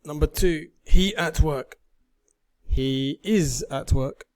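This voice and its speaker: Slow, deliberate male English teacher. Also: on the high side, a little mellow. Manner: deliberate, measured reading of drill sentences. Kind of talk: slow, careful lesson reading.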